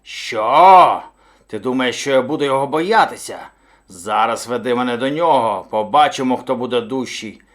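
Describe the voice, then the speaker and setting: A man's voice: medium pitch, unhurried. A man voicing a hungry, furious male bear who roars and blusters in a storybook tale. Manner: roaring, blustering shouts. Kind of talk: storybook read-aloud.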